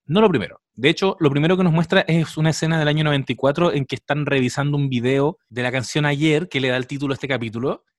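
A man's voice: on the high side, fast, few pauses, no echo, clean studio sound. A man with a Chilean accent, co-hosting a podcast and chatting casually as he reviews a TV series, thinking aloud with fillers. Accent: Chilean Spanish. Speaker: podcast co-host.

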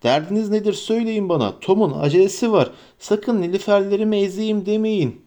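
A man's voice: sits high, fairly quick, mellow, voice pushed up, natural voice. A man voicing a jolly, boisterous old forest man in an audiobook, exuberant and sing-song with a commanding bounce. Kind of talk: audiobook character voice.

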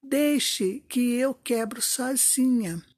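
Storybook hen, patient and soft-spoken, slow and airy; a woman acts it out. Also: a little high, no room sound, studio quality, voice pushed up. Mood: resigned. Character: gentle, patient hen who works alone.

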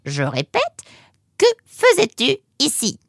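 A woman voicing a large, sly, motherly female fox in an audiobook, talking in a slow, coaxing way. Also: sits high, wildly swooping pitch, vocal fry, dry recording, studio quality, full character voice. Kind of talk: audiobook character voice.

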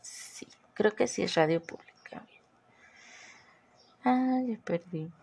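Woman doing her podcast outro, real slow, lots of vocal fry, kinda loses her place and fixes it. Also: medium pitch, a little mellow. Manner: chatty, loses her train of thought and self-corrects. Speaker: podcast host. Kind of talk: casual podcast sign-off.

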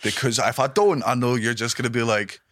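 A man's voice: medium pitch, brisk, fairly bright tone, no echo, clean studio sound. A man telling a story in casual, sweary banter as a podcast co-host. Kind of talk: casual chat.

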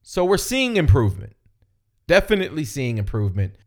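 A man hosting a fan podcast, reacting to listener voicemails in a casual, energetic way with swearing. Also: a little high, fairly quick. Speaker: podcast host.

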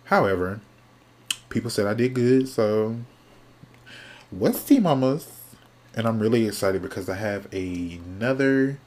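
A man hosting his own podcast alone, chatting casually and sassily from topic to topic, sounding sleepy and yawning, often trailing off into quiet mumbles. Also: on the low side, a little hiss or hum. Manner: chatty, sassy, drifting between topics. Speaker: podcast host. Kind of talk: casual solo podcast chat.

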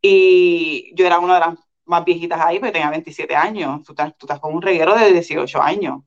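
A woman's voice: lowish voice, fast. Woman telling her story, muffled lo-fi sound. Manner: animated, many restarts and repeated words. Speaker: guest. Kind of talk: casual storytelling interview. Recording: dull lo-fi sound.

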